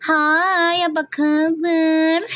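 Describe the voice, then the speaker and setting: A woman's voice: very high voice, a bit bright. A woman chatting casually on a tarot live stream, reading out viewer comments and laughing often. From Indonesia.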